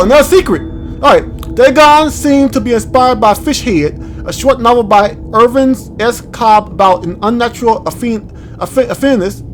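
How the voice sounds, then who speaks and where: This male gaming video host has a voice that sits high, with a faint hiss or hum in the audio. Hosting a game playthrough, he chats informally, reads on-screen text aloud, and tends to trip over his words.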